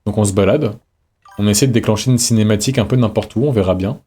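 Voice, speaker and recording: This man talks fast in a lowish, dark voice with a breathy edge. He's streaming a horror game live, tossing out slangy chatter to his viewers and to himself in let's-play style.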